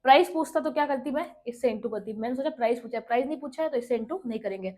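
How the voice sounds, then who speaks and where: A woman teaching an exam-prep maths lesson, working through problems step by step, often checking in with "okay" and reading English questions out slowly. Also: on the high side, a little mellow. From India. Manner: explains step by step, checking with "ठीक है".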